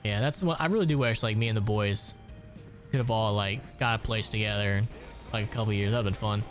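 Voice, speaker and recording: A man's voice: lowish voice, brisk, music in the background. A man in his late twenties from Ohio, chatting casually and profanely while gaming on a stream. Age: late 20s. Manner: rambling, profane storytelling.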